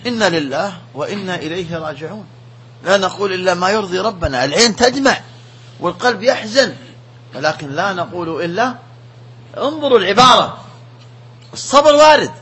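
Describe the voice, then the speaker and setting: Male sheikh, emphatic religious lesson, bright tense voice. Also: sits high, slightly rough. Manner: emphatic, animated preaching.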